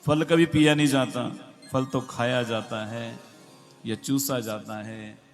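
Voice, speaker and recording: A male preacher speaks slowly and emphatically through a loudspeaker system with a heavy, cave-like echo trailing every word. Clear devotional music plays beneath his sermon as he turns to the listeners with questions. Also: mid-range voice, fairly even intonation. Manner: rhetorical, asks the audience questions, slow and emphatic. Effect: heavy echo on the sound system. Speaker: Bhagavat katha preacher. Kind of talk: devotional sermon with scripture verses. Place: large devotional gathering with an audience. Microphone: microphone through a loudspeaker system.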